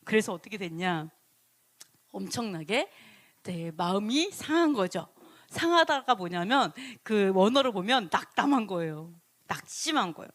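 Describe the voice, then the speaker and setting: A woman teaching a sermon in a casual, animated way, acting out grumbling voices in her talk. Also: normal speed. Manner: acts out complaining voices with big pitch jumps and laughs. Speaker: Bible teacher.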